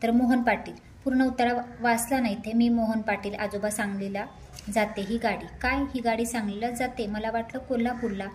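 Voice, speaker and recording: A woman's voice: a little high, fairly even intonation, a little fast, few pauses, a little mellow, a little hiss or hum. Woman teacher patiently explaining test answers. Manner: patient, step-by-step, reads questions then answers.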